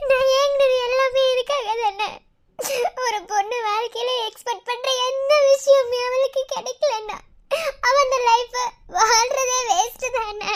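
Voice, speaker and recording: A woman voicing a very high, tearful young wife. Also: steady tone, moderate pace. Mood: tearful, hurt. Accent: Madurai Tamil. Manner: tearful, pleading. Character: young wife, heartbroken and bitter. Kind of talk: cartoon voice acting.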